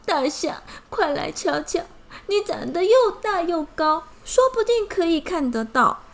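A woman voicing a small, sad little ant in a children's story, with a high, tearful voice that turns excited. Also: measured pace, exaggerated voice. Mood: eager. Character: small sad ant who finds hope.

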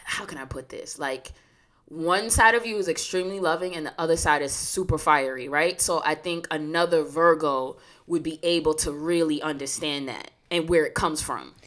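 A woman's voice: low voice, moderate pace, fairly bright tone. A woman chatting casually and informally, asking questions and feeling out her phrasing as she goes.

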